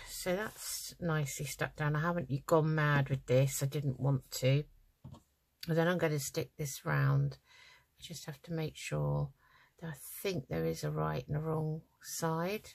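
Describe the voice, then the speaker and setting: Tired middle-aged lady chatting thru her craft project, bit of vocal fry, lots of ums and restarts. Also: low voice, a little mellow. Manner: rambling, hesitant, many ums and restarts. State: tired, yawning. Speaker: craft channel host. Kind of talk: casual crafting tutorial chat.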